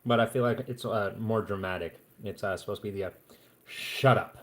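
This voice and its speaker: A man's voice: fairly low pitch, steady tone, fast talker. A man chatting casually to viewers on a live stream at home, rambling along with plenty of fillers and restarts.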